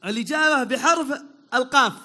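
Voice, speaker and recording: A Saudi man hosting a quick quiz for a crowd, upbeat and teasing, repeating praise and calling out to the audience. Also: extremely high pitch, bright, forceful tone. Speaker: quiz host at a public event.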